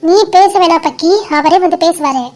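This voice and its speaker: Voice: extremely high pitch, moderate pace. A caring but bossy young woman in a cartoon voiced by a performer speaks. She scolds and nags insistently, with a teasing edge. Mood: scolding. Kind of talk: dramatic cartoon dialogue.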